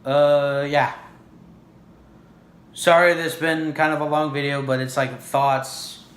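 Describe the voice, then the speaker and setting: A man talks to his viewers in a loose, wandering way, leaning on "you know" and "like" between thoughts. His voice sits a little higher than most men's and moves at an unhurried, drawn-out pace. The room gives it a noticeable echo. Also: little pitch movement, a bit bright. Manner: rambling, frequent "you know" and "like". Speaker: vlogger. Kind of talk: casual monologue to camera.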